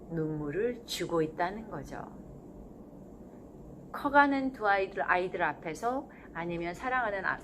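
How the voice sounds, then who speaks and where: A woman hosting her channel, talking in a calm, measured, reflective way with thoughtful pauses and gentle self-corrections. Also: fairly low pitch, a little hiss or hum. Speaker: channel host. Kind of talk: reflective spoken essay.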